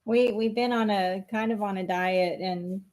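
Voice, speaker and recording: A woman chatting casually at home, laughing easily as she talks. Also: mid-range voice. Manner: slow, relaxed, laughs often. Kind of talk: casual chat.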